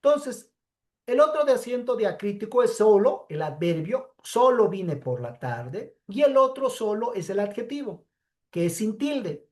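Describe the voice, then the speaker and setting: A woman teacher with a medium-pitched, animated and slightly mellow voice delivers a pre-recorded class lecture. She explains things slowly, step by step, frequently checking in with students by asking "¿sí?".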